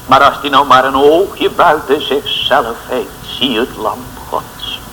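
A man's voice: medium pitch, slow pace, sharp tone, a little hiss or hum, poor audio. A man preaching a fervent, pleading sermon in a church, speaking. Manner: fervent, pleading, addresses listeners as boys and girls.

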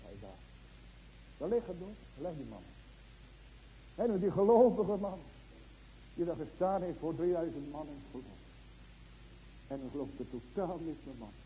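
A man preaching a sermon, asking emphatic rhetorical questions and swinging from loud, urgent lines to hushed ones. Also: a little high, expressive, moderate pace, long pauses, a little hiss or hum, low-quality recording.

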